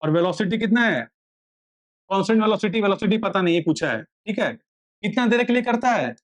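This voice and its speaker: A man's voice: sits high, lively intonation, brisk. A man teaching a physics lesson, asking questions aloud and answering them himself, slipping English phrases into his explanation. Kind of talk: classroom lecture.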